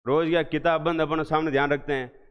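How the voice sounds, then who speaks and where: A man teaching an exam revision class, asking questions again and again and answering them slowly and with emphasis. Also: on the high side, little pitch movement, clean tone. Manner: drills students with repeated questions, slow emphatic answers. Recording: echoey hall, dull lo-fi sound.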